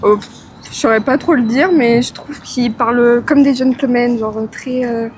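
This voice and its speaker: A woman's voice: a little high, fairly even intonation, unhurried, a little mellow, slight background noise. A woman answering a street interview eagerly. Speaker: passerby.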